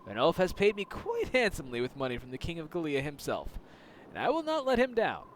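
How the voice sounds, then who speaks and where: A man voicing a calm, cryptic older sea captain, speaking in a measured, formal way with a loosely improvised accent. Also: fairly high pitch, a little hiss or hum. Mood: solemn. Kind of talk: reading game dialogue aloud.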